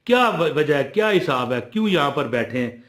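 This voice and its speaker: A man voicing a humble, kindly old male beggar in a low, quiet voice. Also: big pitch swings, normal speed. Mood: gentle.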